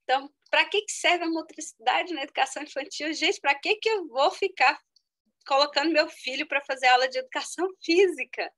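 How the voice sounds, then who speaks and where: A middle-aged woman lecturing online with a bright, fairly high voice. She explains step by step, speaks straight to her listeners and now and then jumps up in pitch for emphasis. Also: fairly quick, low-quality recording. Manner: explanatory, addresses the audience as "gente", lively with sudden high exclamations. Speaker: educational psychologist giving a talk.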